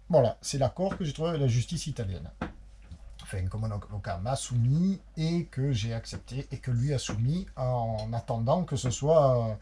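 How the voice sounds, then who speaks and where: Here the Marseille sailing vlogger sounds warm at a medium pitch, with slight background noise. He chats to camera in his Marseille French accent, rambling casually and speaking plainly.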